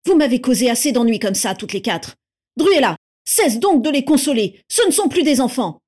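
A woman voicing a hot-tempered father who bursts into indignant shouts. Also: high-pitched, animated, normal speed, husky, heavily acted. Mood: furious. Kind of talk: audiobook character reading.

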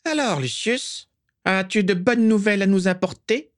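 A man voicing Voldemort, a high, hissing dark lord. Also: normal speed, natural voice. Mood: cold, commanding. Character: cold, high-voiced, hissing male dark wizard.

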